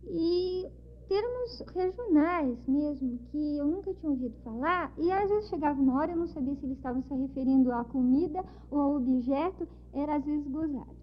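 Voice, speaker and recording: A woman's voice: high voice, brisk, slight background noise. A woman from São Paulo with a São Paulo accent, telling travel stories in an interview and acting out the dialogue. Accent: São Paulo Portuguese. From São Paulo, Brazil. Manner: lively storytelling, acts out dialogue. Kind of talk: recounting travel memories. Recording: dull lo-fi recording.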